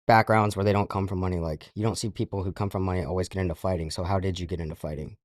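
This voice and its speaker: A man hosting a podcast, asking quick, teasing questions in casual chat. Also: low-pitched, fairly even intonation, dry recording, studio quality. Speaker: podcast host.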